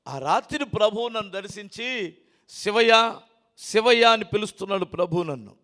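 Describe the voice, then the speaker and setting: A man preaching a sermon as pastor, alternating loud emphatic declarations with quiet, lowered asides and rhetorical questions to the congregation. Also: animated, fairly quick. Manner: emphatic, rising to loud declarations then dropping low. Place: church hall.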